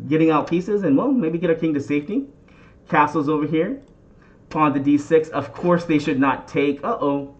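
A man with a slightly high voice talks viewers through chess moves like a teacher. He often turns to them with a question or a catchphrase. The recording is a bit dull and muffled. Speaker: chess instructor and channel host. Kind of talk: instructional game commentary.

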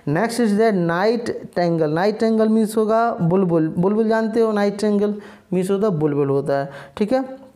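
A man's voice: high-pitched, moderate pace, dark tone. A man teaching an online lesson on bird names, repeating himself and asking viewers questions, then answering them himself. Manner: mixes English words into his talk.

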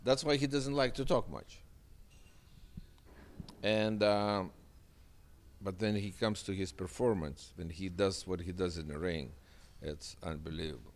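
A deep-voiced boxing manager whose first language is Russian gives a sit-down interview on an indoor studio set with a sofa, holding a handheld mic. He speaks at a measured pace with long pauses, earnest and emphatic, repeating phrases.

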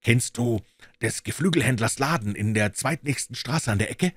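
A man's voice: mid-range voice, lively intonation, moderate pace, husky, dry recording, studio quality. A man voicing an overjoyed old male miser, exclaiming giddily in a storybook reading. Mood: eager. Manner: exclaiming, breathless and giddy.

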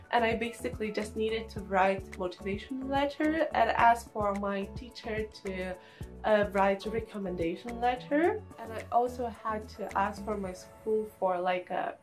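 A woman's voice: mid-range voice, poor audio. A young woman from Lithuania with a Lithuanian accent, chatting casually to the camera about her studies, friendly, with many fillers and repeated words. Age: young adult. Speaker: international student. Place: small indoor room, seated on a sofa. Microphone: camera at close framing.

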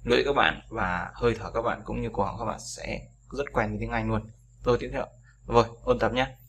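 Low gravelly male teacher, informal lesson, drills sounds by repetition, faint hiss behind. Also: fairly even intonation, a bit bright. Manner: talks to learners, repeats sounds slowly for practice. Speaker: English pronunciation teacher. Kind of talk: casual spoken lesson.

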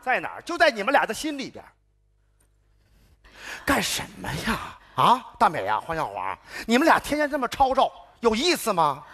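A flustered, stammering northeastern neighbor. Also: male voice, high-pitched, wildly swooping pitch, normal speed, exaggerated voice. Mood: placating. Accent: Northeastern Mandarin. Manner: stammering, repeats himself in rising frustration. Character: flustered, exasperated neighborhood man, adult. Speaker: comedy sketch actor. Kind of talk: stage comedy sketch. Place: TV stage before a live audience. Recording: live stage with loud audience and noise.

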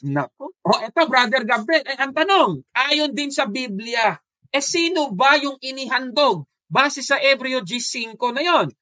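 Bright, dry-voiced woman hosting commentary. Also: high-pitched, unhurried, dry recording. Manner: animated, exclaims and asks rhetorical questions. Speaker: host of a religious apologetics stream. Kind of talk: casual live commentary on a video. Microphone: video call.

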